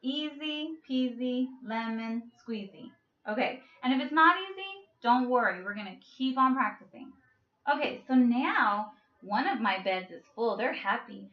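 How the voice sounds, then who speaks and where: High-voiced woman teaching little kids math, playful, echoey muffled room. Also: very animated. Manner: playful, drawn-out, coaxing. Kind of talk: children's math lesson with a story.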